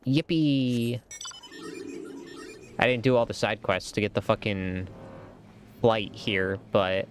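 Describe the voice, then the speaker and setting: A man's voice: on the low side, steady tone, measured pace, soft background music. A young man streaming a game, chatting casually while he plays. He sounds sleepy, yawns, swears freely and laughs at his own rambling jokes. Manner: laid-back, swears, laughs often, rambling asides. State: sleepy, yawning.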